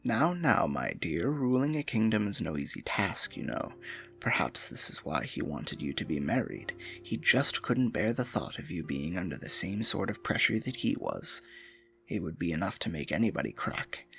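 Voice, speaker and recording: A voice actor performs a scheming royal advisor in fantasy ASMR roleplay, using an exaggerated, gravelly voice at a moderate pace that is highly animated and intimate. He comes across as silky, condescending and mock-sympathetic, soothing yet patronizing, often falling to a murmur while soft music plays underneath.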